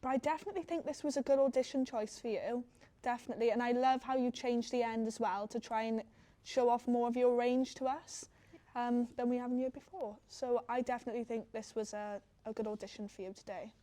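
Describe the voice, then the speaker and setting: Woman judge doing casual feedback, really mellow tone, bit high, encouraging and emphatic. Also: fairly even intonation, fairly quick. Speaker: talent show judge.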